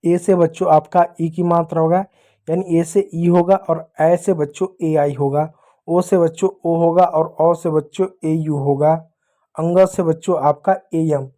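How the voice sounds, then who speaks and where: A man's voice: a little high, fairly even intonation, warm tone. Patient man teaching young children. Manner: slow, patient, repeats points to young pupils; spells out letters slowly one by one. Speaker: English teacher. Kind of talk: explaining to children.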